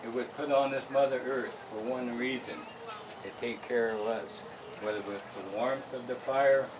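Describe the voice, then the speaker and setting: Older man, elder telling story, distant noisy recording. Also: medium pitch. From Northern California. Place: living history school gathering, plank house.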